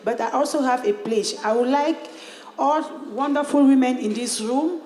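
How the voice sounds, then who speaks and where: A woman's voice: high-pitched, normal speed, darkish tone. Woman, from Cameroon, earnest appeal, audience remarks, echoing hall with long reverb. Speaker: audience member at a forum. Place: large conference hall. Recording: echoey hall, heard from afar.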